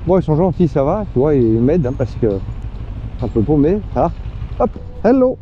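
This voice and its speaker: A man's voice: on the high side, very animated, moderate pace, dull audio, a little hiss or hum. A man giving live, chatty commentary to himself and his viewers while riding a motorcycle, full of fillers and asides. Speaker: motorcycle vlogger. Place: on a motorcycle outdoors on the road.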